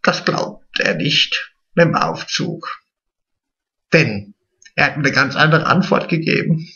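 A man puts on a vain, naive middle-aged woman, gossiping straight to the camera. Her voice is bright and swoops up and down, and she draws her words out slowly. The sound is dull and lo-fi, like a home video. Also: a little high, lively intonation, exaggerated voice. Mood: gossipy. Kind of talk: drag comedy monologue to camera.

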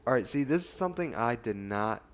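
A young man talks over his own gameplay in a mid-range voice, quick to curse. He jumps and shouts whenever something startles him. A faint ambient hum sits behind him. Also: medium pitch, expressive. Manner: jumpy, swears a lot, yells when startled. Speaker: gaming YouTuber. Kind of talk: casual gameplay commentary.

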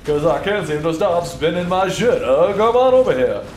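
A young man commentating a video game he is playing, with loud, crude, jokey outbursts. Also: sits high, expressive, normal speed, distant mic, crowd noise. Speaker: gameplay commentator. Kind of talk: let's play commentary. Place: small room with strong echo. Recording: echoey room, faint hum.

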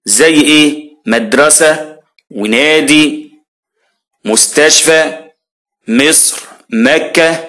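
A fairly high-voiced man with an Egyptian accent teaches grammar to young children. He keeps asking questions and answers each one himself, cheering his pupils on as he goes. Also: slow pace, pauses often, bright, forceful tone. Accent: Egyptian Arabic. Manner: asks questions and answers them himself, addresses pupils as heroes. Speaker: primary school grammar teacher. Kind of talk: lively classroom explanation.

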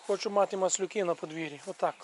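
A man's voice: high-pitched, fast talker, darkish tone, a little hiss or hum. A man giving a casual walk-and-talk video tour outdoors in his rural yard, chatting to viewers and pointing things out as he goes. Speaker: video blogger showing his village yard. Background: faint birdsong and outdoor sounds.

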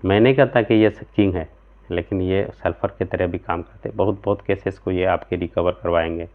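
With a low, steady voice and a fairly quick pace, this homeopathic practitioner in his thirties walks viewers through remedies from a small room at home. He gestures with both hands, stays earnest and explanatory, and often checks in with "theek hai," all captured on tinny, phone-like audio.

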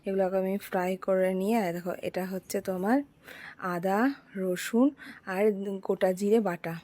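A young woman with a heavy cold, speaking softly and chatting to viewers in a cooking vlog. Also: mid-range voice, fairly even intonation, moderate pace. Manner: chatty, addresses viewers directly. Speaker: vlogger. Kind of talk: casual cooking vlog narration.

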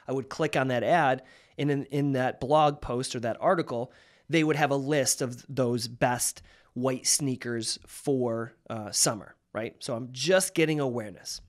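A man's voice: mid-range voice, a little slow. Man in his thirties with a mid-range voice, hosting and talking through ideas casually, often restarting. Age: 30s. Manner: conversational, with frequent restarts and rhetorical "right?". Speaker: marketing host. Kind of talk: casual explainer monologue.

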